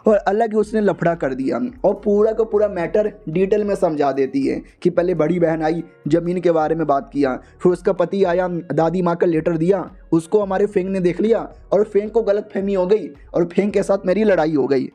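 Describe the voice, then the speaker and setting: A man's voice: sits high, normal speed, hardly any pauses, warm tone, faint music behind. A man narrating an anime recap in a chatty, slangy storytelling style, voicing every character himself.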